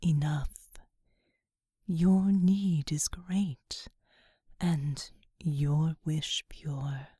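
A woman voicing an ancient, compassionate female angel in whispered role-play, with a low, slow and solemn whisper. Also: fairly even intonation, dark tone, breathy edge, dry recording, clean studio sound, heavily acted. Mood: kind.

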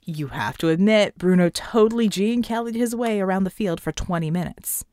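A woman's voice: mid-range voice, lively intonation, moderate pace, darkish tone, no room sound, studio quality, lightly acted. A woman voicing a brash, cocky male genie who teases the others in loose slang. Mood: teasing.

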